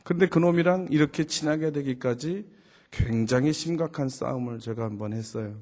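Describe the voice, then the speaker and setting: A man's voice: fairly quick, a little mellow. A pastor in his fifties preaching a sermon in a conversational storytelling way, asking rhetorical questions and acting out dialogue. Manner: acts out dialogue with rising pitch and volume.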